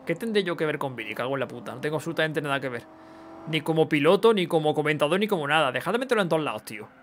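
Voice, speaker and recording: A man's voice: a little high, animated, racing, fairly bright tone, slight background noise. Chatty streamer man. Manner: chatty, swears casually, reads chat aloud. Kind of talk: casual live gameplay chat.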